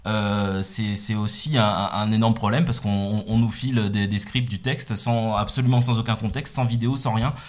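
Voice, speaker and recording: A man co-hosting a podcast in casual chat, halting and repeating words with many fillers. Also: lowish voice, fairly even intonation. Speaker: podcast co-host.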